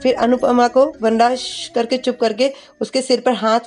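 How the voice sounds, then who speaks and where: A woman's voice: on the high side, little pitch movement, moderate pace, a little mellow, soft background music. A woman narrating an episode recap of a TV serial, telling it plainly and quoting the dialogue.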